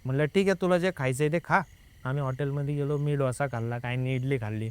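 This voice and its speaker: A young man appears as a guest and tells a personal experience in casual conversation, talking fast at a medium pitch with a clean tone and no echo. He's lively, acting out the dialogue and constantly adding "I said."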